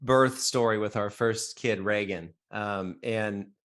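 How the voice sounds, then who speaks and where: A man in his thirties co-hosting a casual podcast, telling a story in a halting way with many restarts. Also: on the low side, a bit bright. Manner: halting, restarts often, laughs easily. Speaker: podcast co-host.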